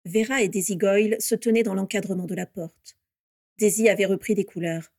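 A woman reading a story aloud with steady, measured narration. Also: mid-range voice, vocal fry, dry recording, studio quality.

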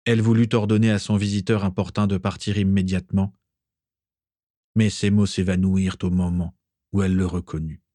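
A man narrating a story in an expressive, dramatic reading style. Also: low voice, a little fast, no echo, studio quality. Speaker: audiobook narrator.

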